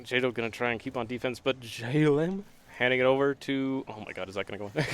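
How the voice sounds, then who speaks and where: A man calling casual live play-by-play for an esports match, relaxed and joking, with excited shouts on big plays. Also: mid-range voice, fairly quick, slight background noise.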